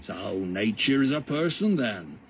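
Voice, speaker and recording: A man's voice: mid-range voice, big pitch swings, slight background noise. Male reader doing a pompous, patronizing jailer, drawn out and cold. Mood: sneering. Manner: slow, sneering, lecturing.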